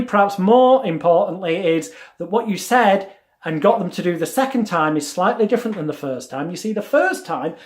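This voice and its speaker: A man's voice: sits high, a little mellow. A man giving an instructional lecture as a hypnotherapy trainer, with emphatic, repetitive phrasing. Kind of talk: instructional lecture with demonstrated patter. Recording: roomy, echoing sound.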